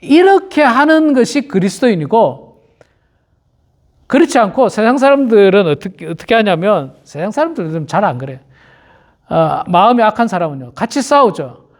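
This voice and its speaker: A male pastor delivers an early-morning sermon with a lively voice that swings up and down. He keeps circling back to the same phrases and calls out to the listeners over and over. He slips into little voices for the churchgoers he quotes. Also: high-pitched, normal speed. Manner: repeats key phrases and often addresses the congregation directly.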